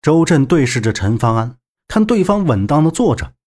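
A man narrating a novel as an audiobook in an expressive storytelling manner. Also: fairly high pitch, moderate pace.

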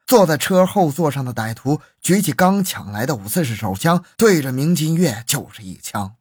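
Husky male true-crime narrator. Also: fairly high pitch, animated, normal speed, a little mellow, dry recording, studio quality. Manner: dramatic, suspenseful storytelling.

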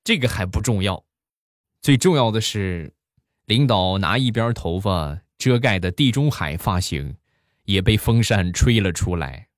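A man telling funny personal anecdotes in a casual, animated way, full of chatty fillers. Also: lowish voice, measured pace, no room sound. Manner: animated, colloquial northern-style banter with many 啊 fillers. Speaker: comedic storyteller. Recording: dry close mic with faint background music.

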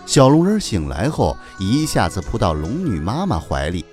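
A man narrating a children's story in an animated, storytelling manner into a close studio mic. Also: lowish voice, soft background music. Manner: animated, warm storytelling, many drawn-out particles.

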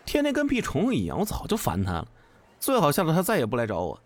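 A man's voice: medium pitch, very animated, normal speed, slightly rough, no room sound. A man voicing a sly young man who loves scaring his friends with ghost stories. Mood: scornful. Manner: teasing, conspiratorial, drops to a hushed whisper.

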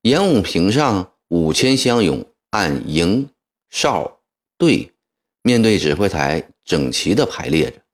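A deep-voiced man reads a historical novel as an audiobook, telling the story in a measured, expressive way.

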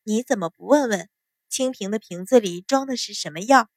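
A woman's voice: medium pitch, no echo, studio quality, lightly acted. A woman doing a coolly commanding noble lady. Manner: cool, measured.

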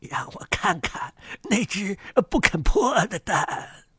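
An old duck neighbor speaks slowly in a hushed, low, knowing voice, as a woman puts her on. She sounds sure of herself and quietly gossipy, close and dry like a storybook reading. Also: very animated, slightly rough, dry recording, full character voice. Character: old know-it-all female duck neighbor.

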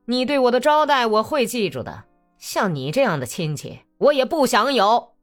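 A woman voicing an angry, hot-tempered young male Cossack who sneers and shouts threats. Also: medium pitch, huge pitch swings, normal speed, soft background music, voice pushed up. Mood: furious.

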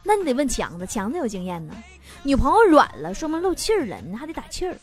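A woman's voice: sits high, big pitch swings, fast talker. A young woman with a Northeastern Chinese accent hosting a comedic radio show, reading listener messages and teasing them playfully. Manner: playful, teasing, laughs at own jokes. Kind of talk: casual comedic radio chat. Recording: music bed behind voice.

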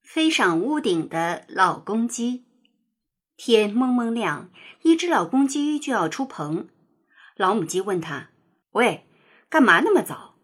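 A woman narrating a children's picture-book story in a gentle, expressive reading style. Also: mid-range voice, takes it slowly.

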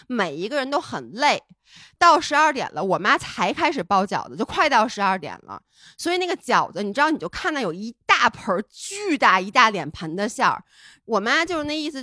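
A woman's voice: high-pitched, sharp tone, dry recording, studio quality. A woman co-hosting a podcast, telling a personal story in a candid, rambling, heartfelt way. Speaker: podcast co-host.

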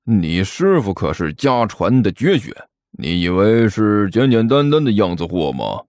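A deep, grumbling master thief who lectures his apprentice in slow, heavy phrases, voiced by a man reading a storybook. The sound is dry and close. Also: very animated, darkish tone, no room sound. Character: gruff boastful middle-aged tomb-robber master.

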